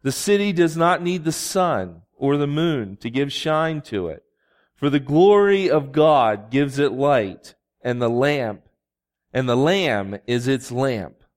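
A man preaching as a pastor, reading scripture and speaking to a congregation in a deliberate, pausing way. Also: mid-range voice, expressive. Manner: slow, deliberate, with long pauses.

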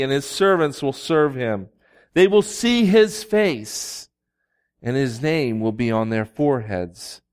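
A man preaching as a pastor, reading scripture and speaking to a congregation in a deliberate, pausing way. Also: on the high side, clear, resonant tone. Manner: slow, deliberate, with long pauses.

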